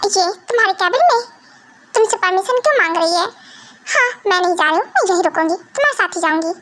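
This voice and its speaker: A woman's voice: very high voice, animated, fast talker, a bit bright, a little hiss or hum. A woman voicing a jealous, defiant young wife who argues tearfully and stubbornly in an amateur fan dub.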